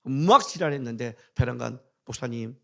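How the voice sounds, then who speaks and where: A male pastor preaching a sermon, telling stories with blunt humor and mock curses, swinging between quiet asides and loud outbursts. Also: medium pitch, lively intonation, moderate pace, gravelly.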